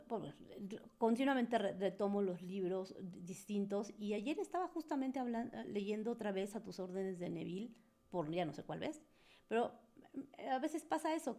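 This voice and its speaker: A woman's voice: medium pitch, lively intonation, moderate pace, creaky, dark tone. A woman, a spiritual coach answering questions from a group in an earnest, coaxing, conversational way. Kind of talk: live Q&A talk to a group.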